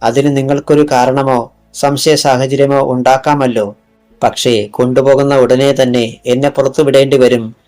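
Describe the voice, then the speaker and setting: Man reading as a slick doctor, calm polite denials, mid pitch, light music under. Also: moderate pace, lightly acted. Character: smooth, evasive male hospital doctor.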